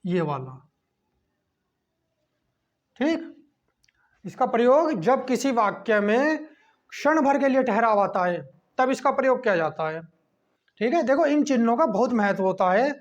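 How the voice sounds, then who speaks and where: A man teaching a class lesson, checking in with a quick "okay" between points as he explains. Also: very high voice, big pitch swings. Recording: dull lo-fi recording.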